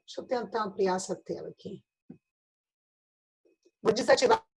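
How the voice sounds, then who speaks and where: This Brazilian woman's medium-pitched voice swings hugely in pitch, carrying vocal fry and a breathy edge at a moderate pace. Teaching math online with a Brazilian Portuguese accent, she goes step by step and checks in with tag questions as the video-call audio turns choppy, robotic and glitchy.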